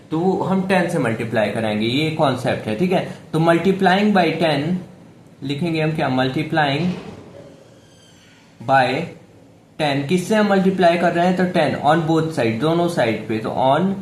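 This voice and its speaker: A man teaching a math lesson step by step. He talks patiently and keeps asking and answering his own questions. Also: fairly high pitch. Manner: patient, repeats questions to the viewer, says "theek hai" often. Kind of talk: step-by-step classroom explanation. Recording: echoey room with faint background hiss.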